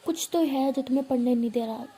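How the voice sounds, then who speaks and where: A woman voicing a loud, bossy young female college friend who scolds and overdramatizes. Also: high voice, fast talker, lightly acted. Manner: scolding, dramatic.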